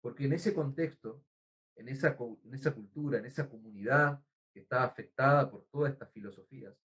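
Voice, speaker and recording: A man's voice: medium pitch, brisk, a bit bright. A man with an Argentine accent preaching a sermon as pastor, earnest and teacherly, often addressing the congregation as brother. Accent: Argentine Spanish. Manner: teacherly, explains words and spells them out.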